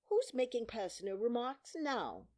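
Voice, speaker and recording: A woman's voice: fairly low pitch, very animated, measured pace, a little mellow. A woman voicing an eccentric, mournful and argumentative male hatter in a storybook, speaking emphatically and theatrically. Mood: needling.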